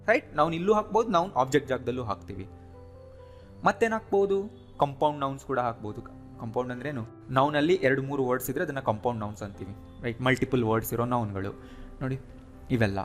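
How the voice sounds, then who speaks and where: A man giving a spoken English lesson, explaining step by step, checking in with "right?" and drilling word lists slowly and clearly. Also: medium pitch. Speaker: English teacher.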